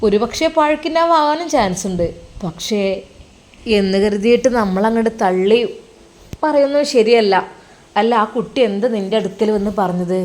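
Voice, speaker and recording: A woman's voice: medium pitch, expressive, moderate pace, natural voice. A woman voicing a kindly male religious teacher who comforts his friend in a coaxing, reassuring way. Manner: coaxing, reassuring, gently teasing.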